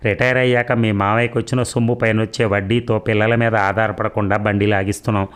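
A man voicing a sharp-tongued, anxious housewife in her sixties who scolds and mocks in a sarcastic way. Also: fairly low pitch, flat delivery, fast, smooth, natural voice. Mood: scolding, worried.

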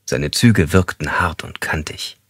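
A man reading a thriller audiobook in an even, measured way. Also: a bass voice, slightly rough, dry recording, clean studio sound. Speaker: audiobook narrator. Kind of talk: scripted thriller narration.

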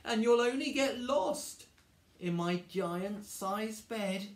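A man doing a giant bawling bear. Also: slow pace. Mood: sobbing. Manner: bawling, wailing high voice. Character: giant sobbing bear, upset and loud. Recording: echoey room.

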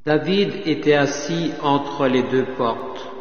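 A man reads scripture slowly and solemnly, his voice a little high for a man and sometimes lifting into chant. The sound is dull and lo-fi, with a long church reverb around him. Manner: measured, solemn, partly chanted. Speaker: liturgical reader. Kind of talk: slow liturgical scripture reading, partly chanted. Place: chapel or church.

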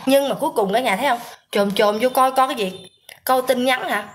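A woman's voice: high-pitched, a little fast, slight background noise. A woman ranting on a livestream, firing rhetorical questions at viewers and thanking them by name. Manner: combative, hammering rhetorical questions. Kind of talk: livestream rant.

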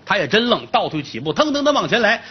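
A male storyteller spins a classic tale in a colloquial, joking way. His voice sits somewhat high and swings widely in pitch. The recording is a little muffled, with faint hiss behind him. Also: fast talker. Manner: lively, colloquial, comic asides. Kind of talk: traditional comic storytelling.

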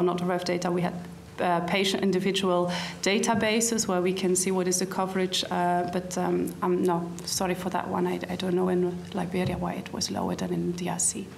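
A woman's voice: on the low side, fairly even intonation, a little fast, gravelly, hardly any pauses, a little hiss or hum. Hesitant woman panelist at a conference. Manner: hesitant, many fillers and restarts. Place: conference hall, seated at panel table. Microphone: table microphone.

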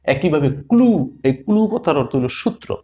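A man teaching English phonics, repeating sounds slowly and asking and answering his own questions. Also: on the high side, sing-song, warm tone. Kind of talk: phonics lesson.

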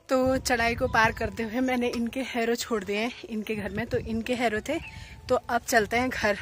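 Woman, 30s, from Uttarakhand, rather high voice, chatty village vlogger talking into a phone at arm's length outdoors. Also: a little hiss or hum. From Uttarakhand, India. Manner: chatty, explains each task as she goes. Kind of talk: casual vlog narration to camera. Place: hillside fields outdoors. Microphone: phone held at arm's length.

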